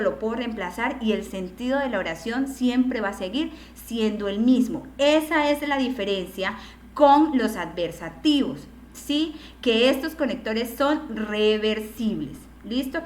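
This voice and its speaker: A woman's voice: fairly high pitch, a bit bright, roomy sound. A woman teacher lecturing an online class, explaining step by step and often checking in with questions.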